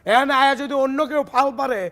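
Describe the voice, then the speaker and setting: An actor playing a cocky, hotheaded young bodybuilder, swaggering and threatening. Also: male voice, extremely high pitch, steady tone, quick pace, a bit bright.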